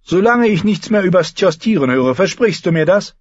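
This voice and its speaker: A man's voice: high voice, lively intonation, moderate pace, no room sound, lo-fi sound, voice pushed up. A man reading an audiobook, voicing a cold, commanding queen who talks down to her son. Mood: imperious. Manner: commanding, cutting, condescending. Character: imperious queen mother, cold and sharp.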